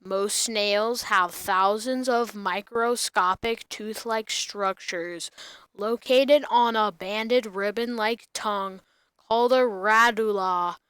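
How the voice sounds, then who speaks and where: A child host reads an article aloud at a slow pace, in a flat monotone. The voice is clean and smooth, with a dry, close sound free of room echo. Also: medium pitch. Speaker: host of a snail facts show. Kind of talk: reading an encyclopedia article aloud to viewers.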